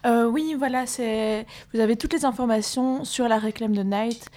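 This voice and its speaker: A woman, an activist guest on community radio, reading a list briskly with an easygoing tone. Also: fairly high pitch, dark tone. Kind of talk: casual radio chat and reading a text aloud.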